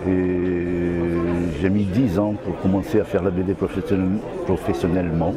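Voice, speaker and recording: An older man with a Brazilian Portuguese accent speaks in a low voice, answering interview questions. He hesitates, searches for words and restarts his phrases. A loud crowd murmurs behind him outdoors. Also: level tone, moderate pace. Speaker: comic book author.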